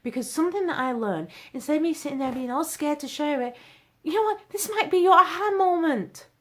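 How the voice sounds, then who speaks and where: Bubbly high-pitched motivational woman vlogger. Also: lively intonation, brisk. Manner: bubbly and emphatic, swings between loud bursts and near-whispers; laughs often, self-deprecating. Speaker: social media vlogger. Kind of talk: excited motivational vlog recap.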